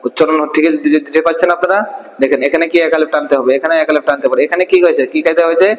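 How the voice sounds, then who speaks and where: A man leads a Quran recitation lesson in a fairly high voice. He keeps quizzing his listeners and answering himself, then stretches verses out one syllable at a time. A long reverb trails behind his words. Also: steady tone, muffled recording. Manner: question-and-answer drilling, slow syllable-by-syllable recitation. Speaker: Quran teacher. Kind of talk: online Quran recitation class.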